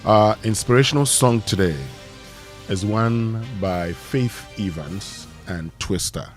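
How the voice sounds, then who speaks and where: A Ghanaian man with a lowish voice hosts morning radio. He chats casually and takes his time, speaking very slowly. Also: soft background music. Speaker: morning radio show host. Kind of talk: casual live radio chat.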